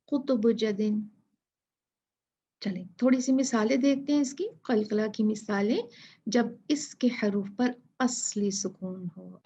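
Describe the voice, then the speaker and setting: Slow, patient woman teaching Quran recitation. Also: a little high, creaky, dark tone, husky, dull audio. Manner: patient, repeats letters and words slowly to demonstrate. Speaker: tajweed teacher.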